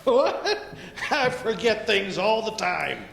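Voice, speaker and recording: A man acting a forgetful, kindly old uncle in a stage radio play, with a stammering, scattered manner and a high, wavering voice. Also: sing-song, takes it slowly, creaky, fairly bright tone, full character voice. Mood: cheerfully absent-minded. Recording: echoey hall, noisy and distant-sounding.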